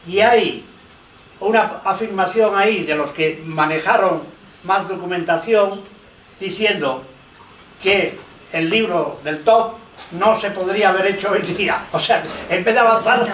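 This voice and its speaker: Recorded from afar in an echoey hall with a little hiss or hum, this older man's voice sits high and fairly bright, moving at a measured pace. He is a lawyer and researcher on a conference panel, sharing anecdotes and quoting dialogue.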